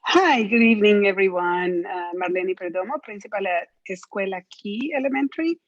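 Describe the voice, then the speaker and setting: A woman's voice: medium pitch, normal speed, dry recording. A woman, a school principal, introducing herself with an upbeat, proud manner. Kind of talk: meeting introduction. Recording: dull, dry lo-fi sound.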